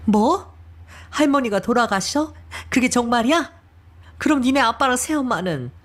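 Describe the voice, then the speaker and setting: A woman's voice: a little high, animated, normal speed, a bit bright. A woman voicing a remorseful middle-aged mother who pleads and sighs through her tears in an audio drama reading. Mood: shocked pleading. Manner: emotional, pleading, sighing.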